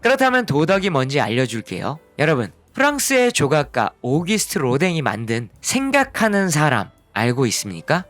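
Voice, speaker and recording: A man in his thirties teaches a middle school ethics lesson, acting out mock dialogues with big swings in pitch. His fairly high voice is recorded close and dry, with faint music underneath. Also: normal speed, hardly any pauses, dry recording. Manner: animated, acts out mock dialogues, switches to casual speech. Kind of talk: lively online lecture to students.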